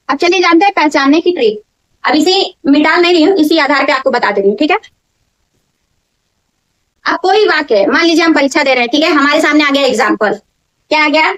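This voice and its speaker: A woman teaching a grammar lesson, explaining step by step, drilling key words slowly and often checking that her students understand. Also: high voice, a bit bright, low-quality recording. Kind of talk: classroom-style lesson. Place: in front of a board.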